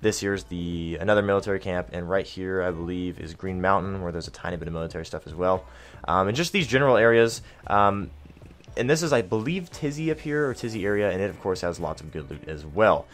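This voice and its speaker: A man's voice: sits low, brisk. A man giving a casual map guide for a video game, chatty, with lots of ums and self-deprecating asides. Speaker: gaming video creator.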